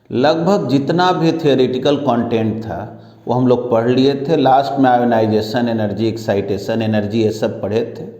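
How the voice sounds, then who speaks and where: Slow, echoey male physics teacher. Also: mid-range voice, mellow. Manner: slow, explanatory, mixes English terms into Hindi. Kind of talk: classroom lecture. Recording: echoey room with long reverb.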